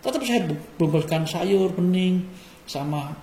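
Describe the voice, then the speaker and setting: A man's voice: high-pitched, animated, unhurried, vocal fry, dark tone. A man giving an earnest, emotional personal testimony as an interview guest, quoting prayers and conversations aloud. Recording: echoey room with faint ambient noise.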